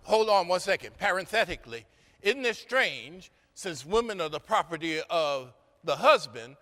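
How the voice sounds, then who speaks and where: A man preaching a sermon in an animated storytelling manner, acting out the characters in a church sanctuary. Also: high-pitched, normal speed, big-room sound. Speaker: guest preacher.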